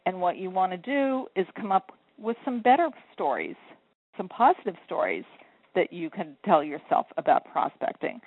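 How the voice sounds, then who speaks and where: A woman's voice: on the low side, sing-song, normal speed, slightly rough, no room sound. A woman sales coach and author giving earnest, encouraging advice step by step in a phone interview. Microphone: telephone. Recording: tinny phone line.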